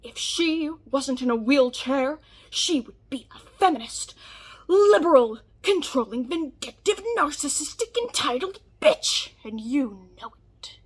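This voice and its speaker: A woman's voice: high-pitched, expressive, unhurried, poor audio. A woman reacting casually to online comments, reading them aloud in disbelief with sarcastic, mock-earnest understatement.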